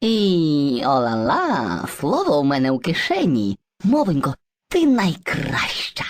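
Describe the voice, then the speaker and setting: Woman voicing a husky, bouncy boy sprite. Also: sits low, wildly swooping pitch, slow, heavily acted. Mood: cheerful. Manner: bouncy, exaggerated, wavering delivery. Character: playful, hesitant male sprite of mixed slang speech. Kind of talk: educational cartoon video.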